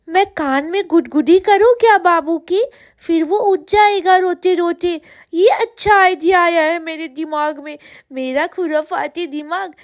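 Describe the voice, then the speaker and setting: A frightened little girl doll in a cartoon storybook, voiced by a woman. Her voice sits very high and thin, and she whimpers and frets aloud to herself about ghosts. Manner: whiny, frightened self-talk. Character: small timid girl doll, scared of ghosts.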